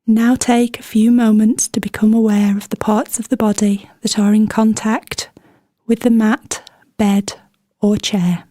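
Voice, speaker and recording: Leading a scripted body scan meditation, a woman speaks gently and soothingly in a relaxed, warm, mellow mid-range voice, pausing unhurriedly between instructions. The recording is very dry, giving no sense of the surrounding room.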